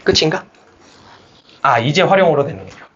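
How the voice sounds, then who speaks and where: A young male math academy teacher gives a classroom lecture in a high, animated, slightly rough voice at a moderate pace. He's lively and coaxing, rallying students with shouts, heard through a speaker-amplified mic in a muffled classroom recording.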